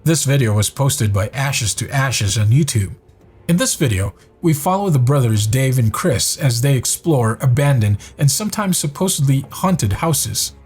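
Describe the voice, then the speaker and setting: A man reading scripted narration for a countdown video in a measured, even storytelling manner. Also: mid-range voice, breathy edge.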